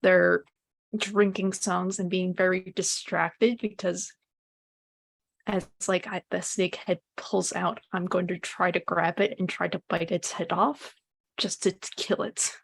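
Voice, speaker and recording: A woman's voice: fairly low pitch, little pitch movement, vocal fry, no echo. Dry-recorded woman playing a tabletop game. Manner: halting, filler-heavy, frequent "like". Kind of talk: casual improvised role-play chat.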